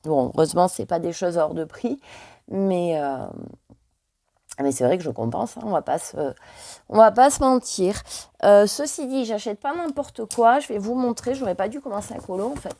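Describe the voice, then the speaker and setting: Chatty French woman with a gravelly voice. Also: medium pitch, expressive, moderate pace, warm tone, dry recording. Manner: chatty, hesitant with many fillers. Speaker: vlogger. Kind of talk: casual chat.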